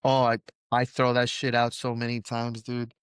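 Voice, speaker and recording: A man's voice: mid-range voice, monotone, normal speed, smooth, no echo, clean studio sound. Blunt, profane male gym coach. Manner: blunt, profane, laughs often. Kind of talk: casual podcast interview.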